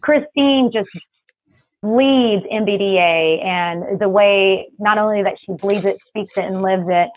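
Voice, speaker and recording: Fast-talking woman on a tinny line. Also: mid-range voice, no room sound. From Philippines, raised in Texas. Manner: quick, talkative, laughs often. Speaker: guest, business services rep. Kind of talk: casual interview.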